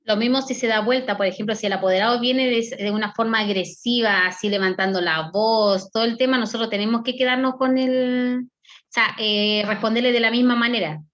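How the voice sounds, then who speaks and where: A woman's voice: fairly high pitch, fairly even intonation, brisk, fairly bright tone, dull audio. A woman, a student answering in an online class, speaking hesitantly.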